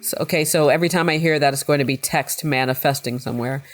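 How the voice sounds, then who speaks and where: A woman's voice: sits low, fairly even intonation, quick pace, a little hiss or hum. A chatty woman with a slightly congested voice, commenting casually on a game as she plays, reading its text aloud and poking fun at herself. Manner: chatty, self-mocking, often laughing. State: slightly congested from a recent cold. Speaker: gameplay video host.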